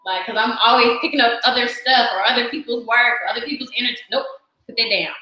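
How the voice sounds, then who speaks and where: A woman guest tells stories in a lively, animated way and laughs often. Her voice is high and bright. She is on a video call from a room with very strong echo. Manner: animated, laughing, quick storytelling. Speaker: guest, yoga teacher. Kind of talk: casual conversation.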